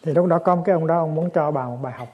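A man, a Buddhist monk, giving a dharma talk in a gentle storytelling manner that turns lively in the anecdotes. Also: fairly high pitch, racing, husky, highs cut off. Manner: gentle storytelling, lively when acting scenes.

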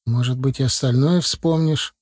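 A man voicing a caring young woman, the narrator's sister, speaking softly. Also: mid-range voice, steady tone, normal speed, slightly rough, natural voice. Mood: gentle.

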